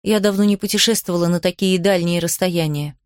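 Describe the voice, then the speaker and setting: A woman voicing a sensible older aunt who gives calm, gentle advice. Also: lowish voice, brisk, clear, resonant tone, no echo, studio quality, lightly acted. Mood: gentle admonishing. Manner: calm, instructive, soft.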